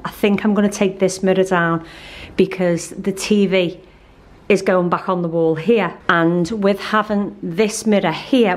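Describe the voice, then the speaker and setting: A woman, chatting casually and ramblingly to camera as a home vlogger. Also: on the low side. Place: living room at home. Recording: clear background noise.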